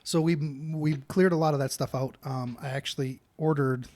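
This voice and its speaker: A man's voice: a little high, fairly even intonation, moderate pace, darkish tone. A middle-aged father chatting casually with his daughter as co-host, earnest and rambling, with frequent restarts. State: hiccups. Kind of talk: casual chat.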